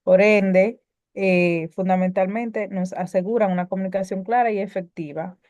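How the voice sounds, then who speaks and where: A woman's voice: medium pitch, steady tone, normal speed, a little mellow, no room sound. A woman teaching a spelling lesson, reading prepared explanations with occasional filler sounds and self-corrections.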